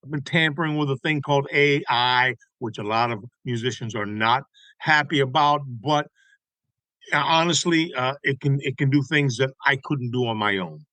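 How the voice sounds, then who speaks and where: A man in his sixties from Tampa talks as an interview guest, spinning animated stories and checking in with "okay?" as he goes. His voice sits at a middling pitch and comes across close and dry. The pace is conversational. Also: moderate pace, no echo, low-quality recording. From Tampa, Florida. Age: 60s. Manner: animated storyteller, tags points with "okay?".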